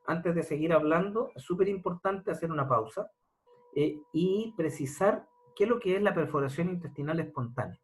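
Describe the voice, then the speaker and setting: A man's voice: on the high side, animated, moderate pace, poor audio. A man, a pediatric surgeon, giving a medical lecture and asking his audience rhetorical questions. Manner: explanatory, asks rhetorical questions.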